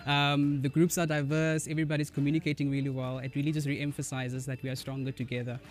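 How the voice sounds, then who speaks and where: Fast, upbeat man in an interview. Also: medium pitch, level tone. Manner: quick, upbeat and enthusiastic. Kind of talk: interview answers.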